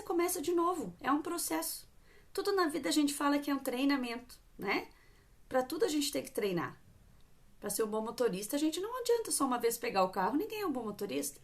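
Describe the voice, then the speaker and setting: A woman, giving parenting advice to mothers on a live stream in an earnest, coaxing way, often acting out calm talks with a child. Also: sits high, brisk. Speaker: parenting coach.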